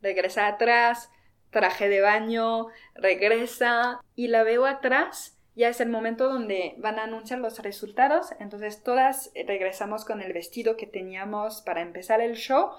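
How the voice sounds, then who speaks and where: A young woman from France telling a personal story about competing in a beauty pageant in a casual, lively way. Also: on the high side, unhurried. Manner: lively, quotes herself and others in acted voices. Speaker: former pageant contestant.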